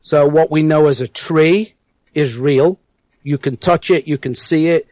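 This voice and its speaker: A man with an English accent that is hard to place, with some American mixed in, gives an earnest interview on internet radio. His voice sits fairly high, and the sound is close and dry. He stumbles over words and repeats them as he builds his point. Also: measured pace, darkish tone, no room sound. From England (South Yorkshire). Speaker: guest.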